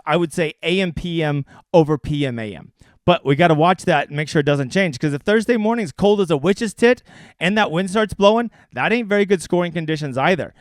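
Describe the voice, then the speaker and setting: Man, fantasy sports streamer, casual and crude, slightly high voice, dry sound. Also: no echo. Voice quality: crude, joking and animated. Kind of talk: casual livestream breakdown.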